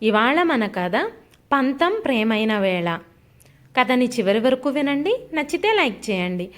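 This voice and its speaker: Expressive woman storyteller, high lively voice. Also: measured pace. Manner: expressive, dramatic. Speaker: storyteller, channel host. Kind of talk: audiobook story narration.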